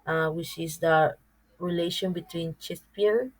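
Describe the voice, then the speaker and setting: A woman giving a class presentation, reading her part haltingly, with fillers and restarts. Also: lowish voice, fairly even intonation, poor audio. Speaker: student presenter.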